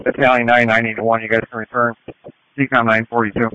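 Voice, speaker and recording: A man's voice: mid-range voice, level tone, quick pace, sharp tone, no echo, dull audio. A man calling in on fire and ambulance radio with clipped, procedural phrasing.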